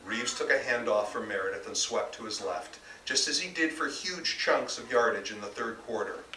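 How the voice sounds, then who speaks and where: At a bookstore reading, an American man narrates from his own novel at a moderate pace, his medium-pitched voice pushed and bright. Picked up from a distance indoors, the audio sounds roomy with a little faint noise.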